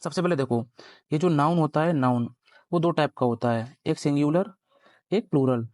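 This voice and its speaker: At a board, a young man teaches a grammar lesson, explaining step by step and constantly quizzing his students. His voice is fairly high with a darkish tone and a moderate pace, recorded dry with clean studio sound.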